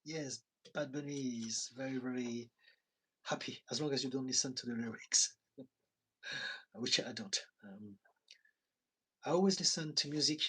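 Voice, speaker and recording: The audio is poor, carrying a French man's mid-range, slightly rough voice as he chats on a live stream from home in London. Originally from France, this tired therapist reads out viewer comments, laughs frequently and speaks in soft asides.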